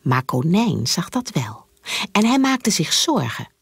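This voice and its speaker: A woman reading a children's storybook aloud, slow, gentle and expressive. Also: on the low side, gravelly, slight background noise.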